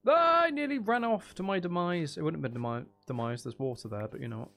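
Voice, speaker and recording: Brisk and high-sitting, a man's voice carries rambling, self-mocking live commentary on a game he's streaming. Rain keeps up a steady noise behind him.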